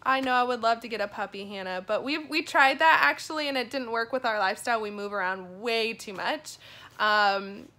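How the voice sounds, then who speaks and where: Bright, high-voiced young woman. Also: fairly quick. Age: young adult. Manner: earnest, emphatic, informal. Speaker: vlog host giving an encouragement message. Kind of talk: casual motivational talk to camera. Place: small indoor room at home. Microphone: phone at arm's length.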